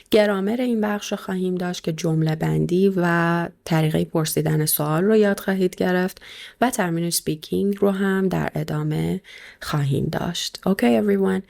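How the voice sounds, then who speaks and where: A woman teaching a recorded video lesson, her voice low and pitched with a gravelly edge. She explains things in Persian and slows right down to pronounce each English word clearly. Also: a little mellow.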